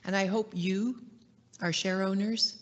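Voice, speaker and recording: A Canadian woman executive giving a formal meeting address and answering shareholder questions in a measured, gracious way. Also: mid-range voice, steady tone, lo-fi sound. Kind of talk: formal speech, then live Q&A. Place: meeting hall.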